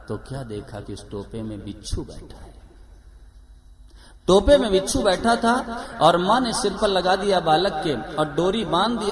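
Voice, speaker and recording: A man giving a devotional sermon with a story at a live gathering, emphatic and repeating his key phrases. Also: mid-range voice. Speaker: religious storyteller. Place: live gathering before an audience. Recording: live recording with crowd audible.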